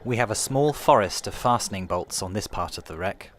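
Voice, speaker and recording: A man narrating a scripted guided tour in a calm, measured, explanatory way, like a museum guide. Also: lowish voice, noisy background. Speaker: tour guide narrator of a shipwreck dive trail.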